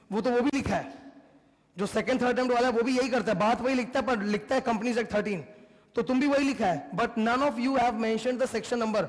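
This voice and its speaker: An Indian man teaching a class, emphatic and repetitive, mixing Hindi and English as he lectures. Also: very high-pitched. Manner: mixes Hindi with English, emphatic, repeats points. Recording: long hall reverb.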